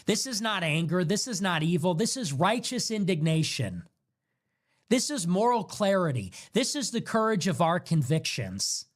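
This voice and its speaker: A man's voice: high voice, very animated, normal speed. A man in an angry, profane political rant, hurling insults. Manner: furious, profane, shouting insults.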